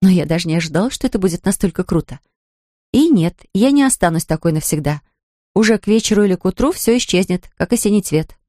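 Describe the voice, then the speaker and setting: A woman voicing a lively adult nanny in an audiobook, in close to her own voice. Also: lowish voice, fast, no echo.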